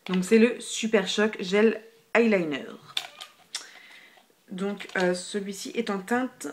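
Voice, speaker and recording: A woman's voice: medium pitch, fairly even intonation, takes it slowly, a little hiss or hum. A young woman chatting casually through a makeup haul, full of fillers and repeated words, sometimes dropping almost to a whisper, filmed on a phone. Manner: chatty, filler-heavy, repeats hyper, drops to near whispers. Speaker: beauty vlogger. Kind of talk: casual product haul review. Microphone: phone camera.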